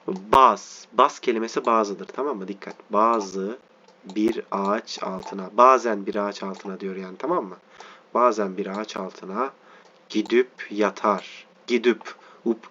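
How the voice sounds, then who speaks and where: A man teaching a reading lesson, reading slowly word by word and stopping to spell out letters and explain meanings. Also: lowish voice, pushed and bright, muffled recording, a little hiss or hum.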